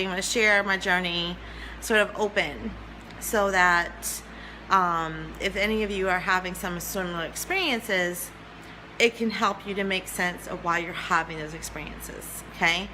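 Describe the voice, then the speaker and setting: A woman's voice: medium pitch, normal speed, bright, forceful tone, a little hiss or hum, rough recording. A woman in her forties, a spiritual teacher talking to livestream viewers in an earnest way, often repeating her phrases and greeting viewers by name. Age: 40s.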